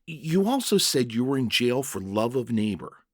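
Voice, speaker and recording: In a clean studio recording with no room sound, a man with a mid-range voice and big pitch swings plays a young-hearted jailer at normal speed. Baffled and questioning, this earnest, emotional father tells his own story in the first person, stammering with dramatic feeling.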